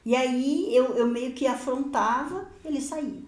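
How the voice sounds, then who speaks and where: A woman pastor telling a personal testimony in a podcast conversation, lively and often laughing, acting out the dialogue of her story. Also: sits high, a little slow, reverberant.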